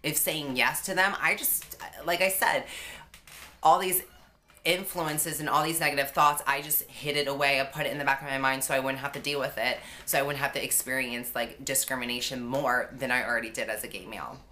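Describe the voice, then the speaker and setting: Young adult woman, confessional vlogger. Very low pitch, bright forward tone, candid halting delivery. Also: fairly even intonation, a little hiss or hum. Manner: halting and candid, heavy use of "like". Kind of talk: confessional vlog.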